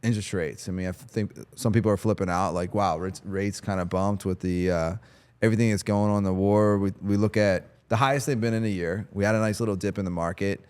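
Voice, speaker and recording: Male host, low-ish voice, upbeat and rambling, casual talk out on a golf course. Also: fairly even intonation, quick pace, a little mellow, clean tone. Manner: upbeat, laughs easily, rambling explanations. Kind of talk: casual chat.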